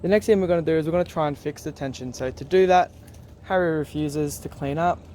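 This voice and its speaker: A man giving recorded class instructions in a relaxed way, with plenty of "um"s. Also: on the high side, fast talker, a little hiss or hum. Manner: relaxed, many fillers. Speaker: teacher.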